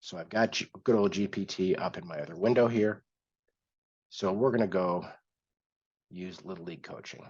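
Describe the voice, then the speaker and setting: A man's voice: low-pitched, normal speed, a little mellow, husky. A man hosting an instructional workshop, explaining step by step in a conversational way with some restarts. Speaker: workshop host. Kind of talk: instructional screen-share workshop. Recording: dull lo-fi sound.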